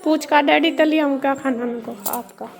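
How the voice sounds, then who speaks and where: A woman's voice: sits high, steady tone, normal speed, creaky, soft background music. A woman, a mother chatting and teasing her kids while serving food at home for a vlog. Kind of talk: casual home vlog chat. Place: family home kitchen.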